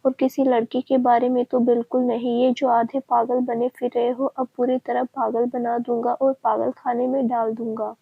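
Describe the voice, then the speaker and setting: A woman reading the lines of an angry, threatening young male CEO in a family story, with a husky voice. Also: on the high side, level tone, normal speed, hardly any pauses, no echo. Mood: furious. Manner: threatening, commanding. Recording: dry, dull lo-fi sound.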